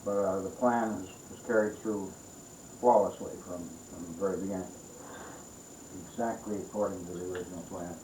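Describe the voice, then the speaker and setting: A man chatting at a dinner table, halting and full of restarts as he explains something. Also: sits low, fairly even intonation, dark tone. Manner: halting, with many restarts and fillers. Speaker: dinner guest. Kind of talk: casual dinner-table chat. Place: room in a house at dinner. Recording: echoey room, noisy home recording.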